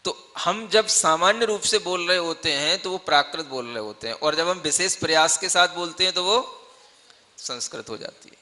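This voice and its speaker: A man's voice: fairly high pitch, normal speed, bright, forceful tone. A man, a monk, teaching grammar from scripture in a patient classroom style, explaining with everyday examples and often asking the listeners whether they follow. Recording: long reverb of a hall.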